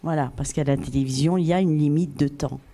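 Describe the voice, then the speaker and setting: Woman interpreter, really low soft-edged mellow voice, keeps hunting for the right word live. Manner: halting, searching for words.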